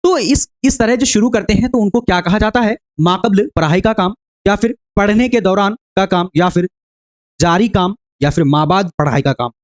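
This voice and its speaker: Guy with a high voice going through exam questions, keeps asking stuff then answering it himself, calls everyone dear friends. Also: normal speed. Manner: explains step by step, asks rhetorical questions and answers them; addresses viewers as dear friends, repeats "okay" often. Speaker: teacher. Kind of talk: exam-prep lecture.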